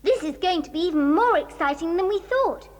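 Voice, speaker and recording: A woman playing Anne, a timid, excitable little girl, eager and a bit fussy in a 1980s audio drama. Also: very high-pitched, brisk. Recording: faint hiss of old cassette.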